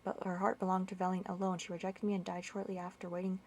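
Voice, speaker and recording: A woman's voice: lowish voice, level tone, quick pace, darkish tone, slight background noise, close to an everyday voice. A woman reading out the lines of a remorseful older male magistrate in a game, in a plain reading voice.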